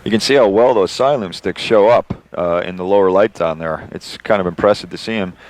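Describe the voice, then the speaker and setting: A deep-voiced man gives live explanatory commentary as an astronaut guest. He talks conversationally, walking the listener through each step. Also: fairly quick, no room sound, poor audio.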